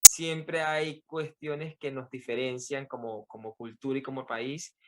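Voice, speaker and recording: A Venezuelan man with a matching accent speaks as an author guest on a podcast, recounting his personal story in an interview. His voice is medium-pitched, fairly bright, and unhurried, with fairly even intonation. He sounds reflective and often repeats words while collecting his thoughts.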